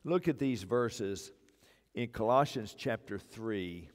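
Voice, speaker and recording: An older pastor with a voice on the low side preaches slowly yet animatedly on a church sanctuary stage, using a wireless mic. Repeated phrases push his points home, and the recording carries the long reverb of a church hall.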